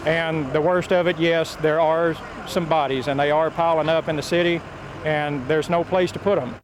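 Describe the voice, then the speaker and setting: A man's voice: a little high, fairly even intonation, normal speed. A man speaking plainly on location, as a soldier at work. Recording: clear outdoor traffic noise.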